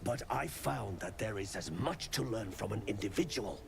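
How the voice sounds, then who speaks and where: A calm and courteous Underdark healer, with a low, gravelly tone. His measured speech rises and falls in a lively way. He comes from game audio with loud ambient sound behind him. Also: noisy background. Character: gentle scholarly male Underdark healer.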